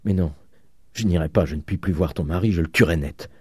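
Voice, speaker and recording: A man voicing a frail old father who cries out in a high, strained voice. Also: brisk, dark tone, slightly rough, no room sound, studio quality. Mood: pleading.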